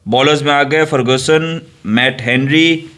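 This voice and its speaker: A man's voice: mid-range voice, unhurried, pushed and bright. A man with a Pakistani Urdu accent on a cricket chat, asking questions and reading off player names. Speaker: cricket panelist.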